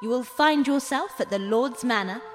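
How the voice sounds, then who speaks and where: A man voicing a kind, gentle female fairy godmother, speaking softly and measuredly. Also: very high voice, in a large hall, soft background music, voice pushed up. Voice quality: soft, measured and hushed.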